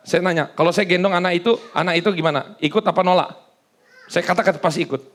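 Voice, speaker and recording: Male pastor, gravelly voice, loose conversational sermon full of jokes. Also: high voice, fairly bright tone. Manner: casual, joking, conversational preaching. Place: church service.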